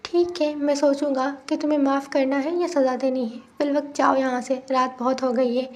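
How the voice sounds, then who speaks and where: A man's voice: very high voice, flat delivery, moderate pace. A woman reading the lines of a cold, dismissive middle-aged father. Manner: curt, dismissive.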